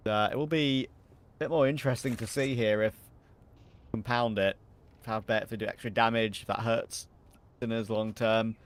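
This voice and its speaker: Low-voiced man doing esports commentary. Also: normal speed, pauses often. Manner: relaxed, joking banter with co-caster. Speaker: esports caster. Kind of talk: live esports color commentary. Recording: faint game gunfire underneath.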